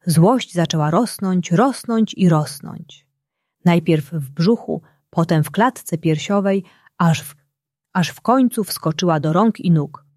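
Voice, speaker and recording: Woman storyteller, bedtime story narration, gentle, very slow, mellow, dry close sound. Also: fairly low pitch, dry recording.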